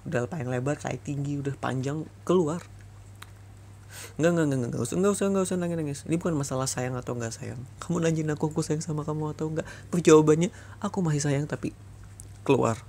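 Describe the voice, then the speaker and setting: A man's voice: a little high, fast, vocal fry, darkish tone, slight background noise. A young man voicing a bitter boyfriend in an ASMR boyfriend role-play, scolding his toxic ex over and over in a heated voice. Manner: heated, reproachful, repetitive scolding.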